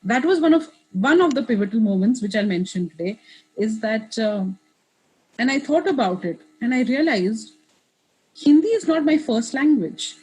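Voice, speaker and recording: This is a woman in her thirties, a guest in a casual interview, reflecting aloud with plenty of restarts and side remarks. Her fairly high voice is expressive, a bit mellow and slightly rough, at a moderate pace, and the recording itself is rough.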